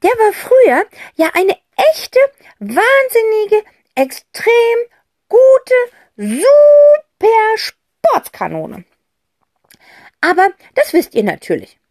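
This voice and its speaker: A woman's voice: wildly swooping pitch, drawn-out words, darkish tone, dry recording, studio quality, full character voice. A woman voicing a cheeky, exuberant eccentric aunt in an audiobook, bubbly and theatrical. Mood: gushing. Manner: bubbly and theatrical, with sudden high exclamations. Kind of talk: audiobook character voice.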